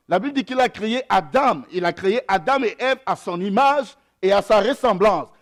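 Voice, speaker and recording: A young man who pastors and speaks an African mother tongue as his first language gives a sermon, slowly reading scripture and then preaching haltingly with repeated phrases. He has a high voice.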